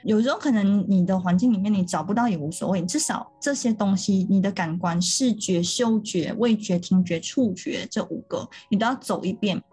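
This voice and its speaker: A woman's voice: medium pitch, moderate pace, few pauses, dark tone, husky, faint music behind. A woman co-hosting a podcast, talking through ideas in an earnest, step-by-step casual chat. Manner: earnest, explanatory, talks through steps. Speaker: podcast co-host.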